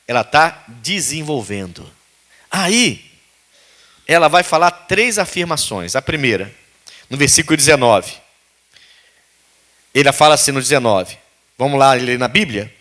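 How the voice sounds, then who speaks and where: A male pastor preaching a sermon, animated and calling out to the congregation. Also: mid-range voice, unhurried, long pauses.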